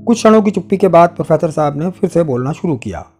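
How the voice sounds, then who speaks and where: A man reading a short story aloud, in a measured, expressive storytelling manner. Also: on the high side. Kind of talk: scripted story narration. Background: faint guitar music.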